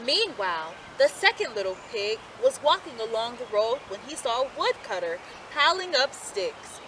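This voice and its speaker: Expressive female storyteller, high and sing-song, outdoor traffic noise. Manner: slow, expressive storybook reading. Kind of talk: children's story read aloud.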